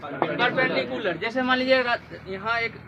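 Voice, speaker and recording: Man, classroom lecture, very high pitch, asks and repeats answers. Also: measured pace, a crowd in the background. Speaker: teacher.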